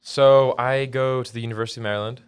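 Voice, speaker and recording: A man's voice: medium pitch, steady tone, fast, clean tone. A man in his early twenties, a college intern guest, talking in a laid-back way with frequent "like". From Belgium, raised in New York City. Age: early 20s. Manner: laid-back, laughs easily, uses "like" a lot. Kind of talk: casual interview.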